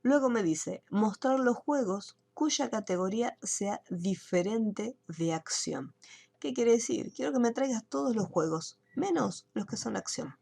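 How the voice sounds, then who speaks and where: A woman's voice: fairly high pitch, expressive, unhurried, gravelly, a little mellow. A woman teaching an online computer class, explaining each step and checking in with her students. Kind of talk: screen-share software tutorial.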